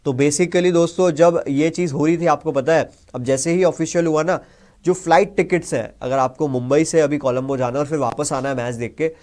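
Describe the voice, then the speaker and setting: A man's voice: fairly high pitch, fairly even intonation, fairly quick, a little mellow. A man with an Indian accent hosting a casual cricket discussion, explaining the news in simple terms and reading English reports aloud. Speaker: cricket show host.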